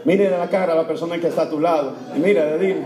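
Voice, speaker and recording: A man with a notably high voice delivers a heartfelt sermon in a church. His preaching swings between loud, fervent cries and hushed, tender tones, and he repeats words for emphasis. The sound rings around a reverberant hall. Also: racing, crowd noise. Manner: repetitive, with many fillers. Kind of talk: emotional sermon. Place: church before Mass. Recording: echoey church room.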